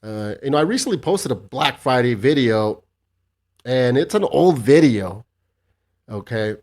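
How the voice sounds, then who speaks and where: A man's voice: medium pitch, lively intonation, measured pace, darkish tone. A man hosting a casual solo podcast, rambling and joking with heavy swearing and a sarcastic edge. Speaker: podcast host.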